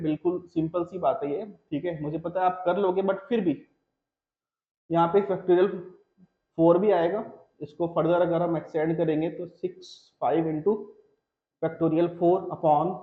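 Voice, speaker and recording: A male math teacher from India giving a classroom lecture, working through each step as he writes and checking in with his students. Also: high-pitched. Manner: talks through steps while writing, pauses on each term; reassuring, checks in with "theek hai". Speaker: mathematics teacher. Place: coaching classroom. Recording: echoey room, slightly dull sound.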